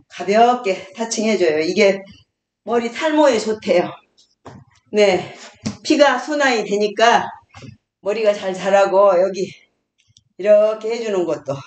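A woman's voice: medium pitch, unhurried, long pauses, darkish tone. Older woman counting out home exercises. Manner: chatty, counts aloud in rhythm, talks to a small child. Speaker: grandmother leading home exercises. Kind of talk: casual spoken instruction with counting. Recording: echoey room with faint noise.

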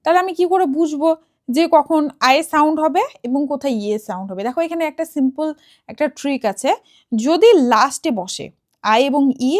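Woman, high pitch, phonics teacher, sounds out words letter by letter, checks in often. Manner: checks in often with a rising question. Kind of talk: explaining a lesson to children and parents.

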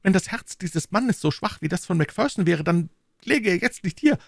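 A man voicing a frantic, breathless middle-aged headmaster in an audiobook, pleading in a high, agitated voice. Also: expressive, normal speed, vocal fry, dry recording, clean studio sound, exaggerated voice. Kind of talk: audiobook reading.

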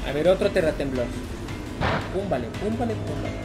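A woman's voice: sits low, expressive, a little fast, loud music behind the voice. A woman with a Mexican accent giving casual, profane commentary while playing a video game, repeating herself as she rants. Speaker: gaming streamer.

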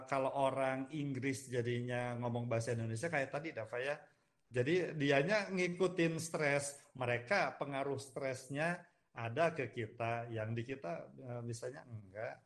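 A male university lecturer explaining phonology in an easygoing, chatty manner. He talks to the class plainly, at a mid pitch, and turns to address the student directly. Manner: relaxed, conversational, addresses the student by name. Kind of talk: casual university lecture discussion.

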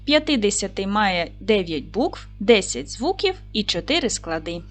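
A woman teaching a primary school class in a video lesson, speaking gently to the children and dictating words slowly and clearly. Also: mid-range voice, big pitch swings, faint music behind. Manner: slow, clear dictation with stressed syllables; gentle, encouraging address to children.

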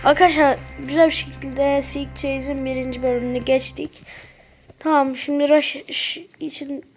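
High-voiced woman narrating her phone game. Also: normal speed, soft background music. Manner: keeps saying "okay friends" while playing; bursts into excited shouts at discoveries. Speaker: gameplay commentator. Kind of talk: casual game commentary. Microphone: phone screen recorder.

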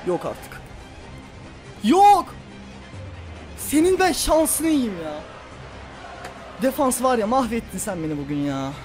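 Gaming YouTuber, male, high-pitched voice, furious ranting let's-play commentary. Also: very animated, slow, pauses often, faint music behind. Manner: furious ranting and yelling at an opponent; muttering and grumbling after the game.

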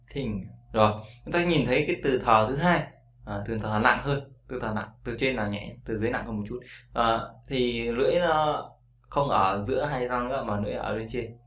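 A man teaching pronunciation in a casual spoken lesson, repeating sounds slowly so learners can copy them. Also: mid-range voice, a bit bright.

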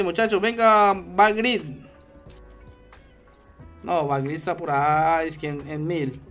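A man livestreams a video game, his voice bright and high as he chats casually with viewers and greets them one by one. Soft music plays underneath. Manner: lively, greets viewers by name between plays. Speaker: streamer. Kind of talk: casual gaming livestream commentary.

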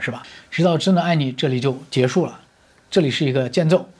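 A man teaching electric guitar at a middle pitch, talking learners patiently through each step. He keeps checking with them and uses everyday comparisons. Clear guitar playing sounds behind his voice. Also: a little mellow. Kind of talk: guitar lesson explanation.

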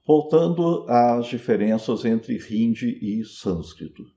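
A man's voice: mid-range voice, animated, slow pace, vocal fry, warm tone, dull audio. A man with a Brazilian Portuguese accent, teaching a pronunciation lesson patiently and repeating words to model them. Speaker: Sanskrit teacher. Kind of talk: slow explanatory lesson.

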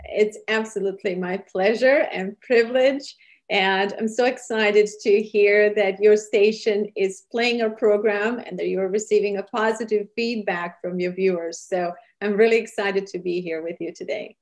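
A woman's voice: medium pitch, fairly even intonation, normal speed. A middle-aged woman from Serbia, a charity founder, speaking earnestly with many fillers and slightly phrasing in an interview over a webcam call from a small room. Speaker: charity founder and cooking show host. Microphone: webcam on a video call.

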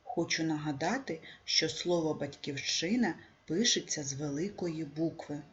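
A woman teacher with a Ukrainian accent, dictating a calligraphy lesson for young pupils in a slow, careful way that stresses syllables. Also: sits low, highs cut off, slight background noise. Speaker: primary school teacher. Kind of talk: calligraphy lesson for second graders.

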